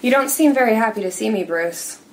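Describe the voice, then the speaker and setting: Woman playing cool, creaky-voiced Talia. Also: a little high, lively intonation, brisk, soft background music, poor audio. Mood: guarded, wry. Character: Talia, guarded, cool, enigmatic masked woman. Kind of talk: dramatic screenplay table read.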